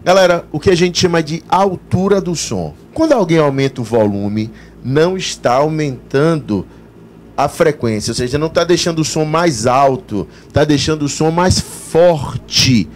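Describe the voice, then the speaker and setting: Animated Brazilian physics teacher. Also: male voice, a little high, moderate pace, a little hiss or hum. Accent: Brazilian Portuguese. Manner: animated explanations, voices students' questions. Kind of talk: live exam-prep class broadcast.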